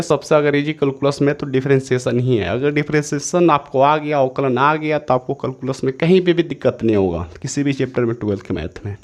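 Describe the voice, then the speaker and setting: A man teaching an exam-prep maths lesson, repeating each step several times and correcting himself as he goes. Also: mid-range voice. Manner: self-correcting, says sorry mid-explanation.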